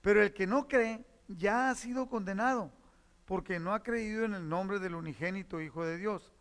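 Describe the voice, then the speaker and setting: Male pastor, high voice, teaching sermon with repeated phrases, long hall reverb. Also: moderate pace. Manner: teaching, explains verses and repeats key phrases.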